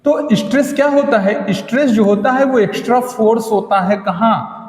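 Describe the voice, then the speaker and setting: A man's voice: very high-pitched, a little mellow. Indian male teacher for a video lesson, keeps repeating and quizzing, long room reverb. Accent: Indian English. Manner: slow, repetitive, quizzing the viewer. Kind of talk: video lesson, mixing Hindi and English.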